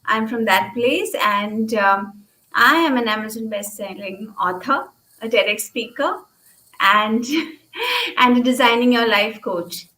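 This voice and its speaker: A woman's voice: fairly high pitch, animated, slow pace, sharp tone, echoey room, rough recording. A woman from India, an author and coach, speaking hesitantly with many fillers. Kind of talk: interview.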